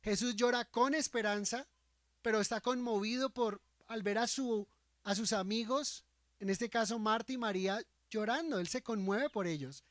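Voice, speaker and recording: A man's voice: high voice, moderate pace, a bit bright, no room sound, clean studio sound. A man preaching a sermon as pastor, often asking the congregation rhetorical questions and acting out quoted speech from scripture.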